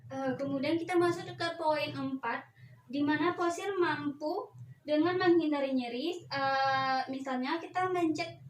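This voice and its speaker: Step by step, a young adult woman from Indonesia walks through a practical nursing demonstration in a high voice, halting and restarting along the way. Her voice sounds far off and echoey, with a little noise underneath.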